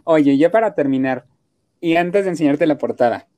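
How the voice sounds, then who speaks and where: Woman, magazine interviewer, low voice, mellow tone, friendly. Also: lively intonation, normal speed, no room sound. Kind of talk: casual interview.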